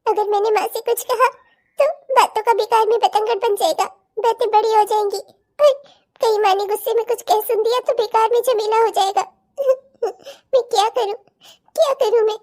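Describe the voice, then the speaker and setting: Woman voicing a cartoon young bride, troubled, hushed, very high. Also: steady tone, normal speed. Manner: hushed, brooding inner speech. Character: troubled young pregnant daughter-in-law, keeps her sorrows secret.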